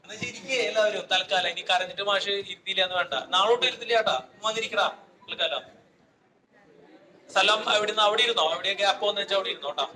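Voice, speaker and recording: A man with a Malayali accent teaches a chemistry class in a high-pitched, fast, pushed, and bright voice, recorded from a distance. He quizzes his students, repeats questions, and scolds them, in an echoey classroom with faint noise.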